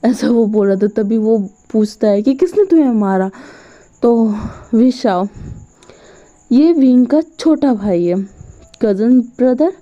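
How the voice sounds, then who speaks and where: A woman retells a story in a chatty, casual way, her voice fairly high yet mellow. The recording is dull and lo-fi, with faint crickets behind. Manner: chatty, filler-heavy retelling.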